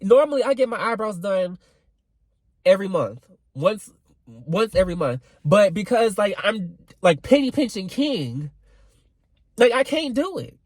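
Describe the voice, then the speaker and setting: A man's voice: high voice, very animated, unhurried, a little mellow, no echo, low-quality recording. A young man in his twenties venting in a casual vlog rant, rambling with fillers and swearing freely. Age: 20s. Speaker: vlogger.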